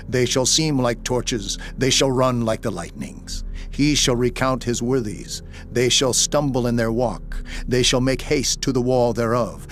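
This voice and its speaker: A man giving a dramatized scripture narration in a solemn, declamatory way. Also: medium pitch. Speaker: Bible narrator. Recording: music behind the voice. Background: background music.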